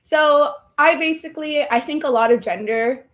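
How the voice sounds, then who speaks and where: Appearing as a guest in a casual interview, a young Puerto Rican streamer talks at normal speed in a high-sitting voice, often using "like" as filler.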